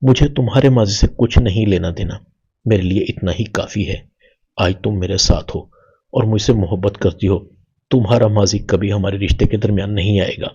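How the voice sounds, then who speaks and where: Happy devoted young husband, playful, guy reading him low and husky. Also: darkish tone, lo-fi sound.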